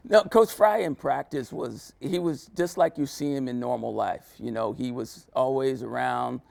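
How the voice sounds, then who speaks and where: A man's voice with a heavy gravelly fry, recorded dry and close. He talks earnestly as an interview guest, reflecting and filling pauses with "you know.". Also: medium pitch, a little mellow, no room sound. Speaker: former player, interview guest. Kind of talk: sit-down interview.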